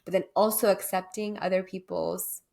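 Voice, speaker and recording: A woman's voice: mid-range voice, steady tone, normal speed, vocal fry, a little mellow. A young woman co-hosting a podcast, talking candidly and reflectively, dotted with "like" and "right?" fillers. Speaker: podcast co-host.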